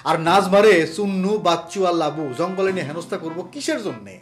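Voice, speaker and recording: Actor as fast, high-voiced protesting village man. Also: faint music behind, lightly acted. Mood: indignant, puzzled. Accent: rural Bangladeshi. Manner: protesting, questioning. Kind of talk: comic TV drama acting.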